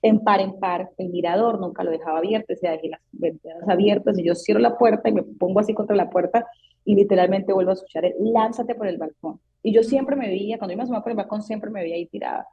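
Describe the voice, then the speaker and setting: A woman's voice: mid-range voice, quick pace, slightly rough, lo-fi sound. Earnest woman telling a personal story. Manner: earnest, emotional storytelling with acted-out quotes. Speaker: psychologist guest. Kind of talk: personal testimony in a podcast interview.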